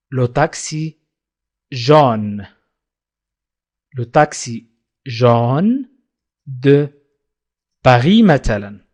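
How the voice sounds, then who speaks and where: A man gives a children's language lesson at an unhurried pace. He says each word slowly and repeats it, then translates it. His pitch moves a lot, rising and falling as he explains. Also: a little mellow. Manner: appeals to viewers to like and subscribe. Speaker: French teacher.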